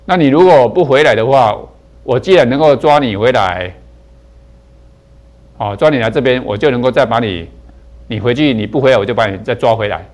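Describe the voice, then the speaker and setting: A huge golden-winged bird from a spoken parable, stern and blunt, scolding its royal captive, as a man puts it on. The teller keeps it close to his own voice, with the same even middle pitch. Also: a little fast, pauses often, lightly acted.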